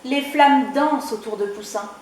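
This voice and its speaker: Slow soft lady reading a kids' book, big echo, faint hum behind. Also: high voice. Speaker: librarian reading to children. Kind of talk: children's storybook reading. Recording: echoey room.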